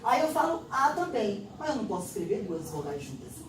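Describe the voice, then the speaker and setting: A woman's voice: mid-range voice, sing-song, a little fast. Brazilian woman teacher, patient step-by-step explainer, recorded in a roomy space with faint background noise. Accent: Brazilian Portuguese. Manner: explains step by step, acts out classroom exchanges. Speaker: literacy teacher. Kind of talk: instructional explanation. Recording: roomy echo, distant mic.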